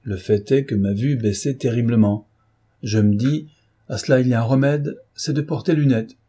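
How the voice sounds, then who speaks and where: A man voicing a phlegmatic, battered old clerk who speaks in a calm, detached way, in an audiobook reading. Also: medium pitch, normal speed, breathy edge, lightly acted. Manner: unruffled, detached. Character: phlegmatic one-eyed old clerk, deadpan.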